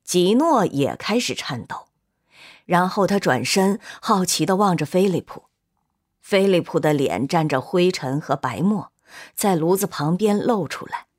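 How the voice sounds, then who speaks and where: A woman reads a literary novel aloud at an even, measured pace. Her voice sits on the lower side, calm and steady, carrying the scene without rush. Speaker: narrator. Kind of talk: scripted audiobook narration.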